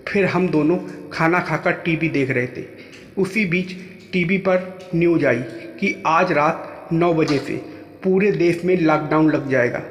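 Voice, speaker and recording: A man telling a first-person story in plain, steady narration. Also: fairly high pitch. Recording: echoey room with long reverb.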